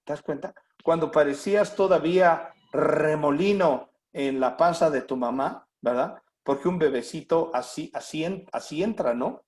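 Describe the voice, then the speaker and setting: A man's voice: fairly high pitch, moderate pace, few pauses. A middle-aged man with a Mexican Spanish accent preaching a sermon, full of rhetorical questions and acted-out voices. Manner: animated, acts out quoted voices with rhetorical questions. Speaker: pastor.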